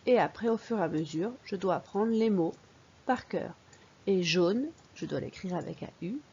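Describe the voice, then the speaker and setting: A woman's voice: mid-range voice, animated, normal speed, darkish tone, slight background noise. A woman, teaching early reading to young children and patiently sounding out syllables. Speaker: primary school teacher. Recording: dull lo-fi recording.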